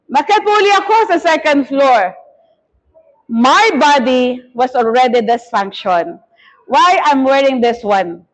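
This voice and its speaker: A middle-aged woman bishop preaching a testimony sermon, telling her story with lively acted-out quotes. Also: sits high. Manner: animated storytelling that mixes Tagalog and English, with acted-out quotes.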